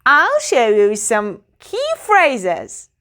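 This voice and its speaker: A woman teaching English phrases in a clear, emphatic, sing-song way. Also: on the high side, huge pitch swings, drawn-out words, a bit bright. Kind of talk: slow instructional explanation.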